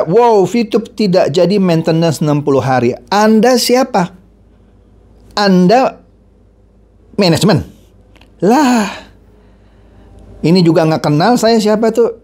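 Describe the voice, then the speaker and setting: A man's voice: sits high, warm tone. A middle-aged man hosting a ranting commentary video, mocking and sarcastic, repeating his insults. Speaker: commentary channel host.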